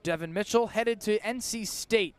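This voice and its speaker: Live radio play-by-play from an outdoor ballpark comes from a man with a high, clean-toned voice at normal speed. His calls are brief and descriptive, lifting as the game's action builds.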